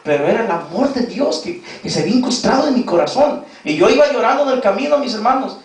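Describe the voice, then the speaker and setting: Echoey Mexican preacher, high and lively. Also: male voice, quick pace. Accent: Mexican Spanish. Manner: storytelling preacher, rises and drops sharply for emphasis. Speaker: pastor. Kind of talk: sermon. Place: church hall. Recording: very echoey church hall, distant mic.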